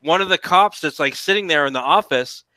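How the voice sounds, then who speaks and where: Bright-voiced man, rambling and halting. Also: a little high, dry recording. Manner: rambling, halting, repeats and restarts phrases. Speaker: stream participant chatting about TV shows. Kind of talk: casual chat on a livestream.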